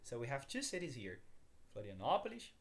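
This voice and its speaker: Brief: Brazilian man teaching Portuguese in English, animated pitch, upbeat, repeats examples slowly. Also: gravelly. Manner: upbeat, repeats phrases slowly, laughs at himself. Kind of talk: language lesson, mixing English explanation with Portuguese examples.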